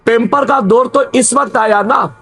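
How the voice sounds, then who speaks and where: A man's voice: very high voice, measured pace, a bit bright, breathy edge. A man in his thirties, a preacher giving an earnest religious talk on parenting, repeating his key phrases.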